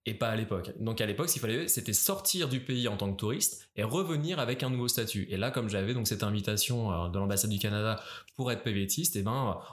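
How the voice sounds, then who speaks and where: A man from France, a podcast guest, telling travel stories in a relaxed, casual way with many restarts. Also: fairly low pitch, fast. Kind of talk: casual conversation. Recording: echoey room.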